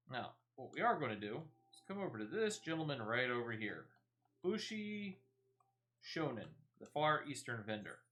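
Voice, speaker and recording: A game streamer gives casual, playful commentary on his gameplay in a medium-pitched voice with a sharp tone. Game music plays behind his voice.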